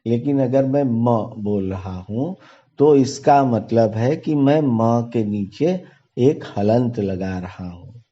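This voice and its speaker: Slow, patient male grammar teacher. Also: medium pitch, lively intonation, dark tone. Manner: slow, deliberate, repeats letters and examples. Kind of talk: classroom lecture. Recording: dull lo-fi recording.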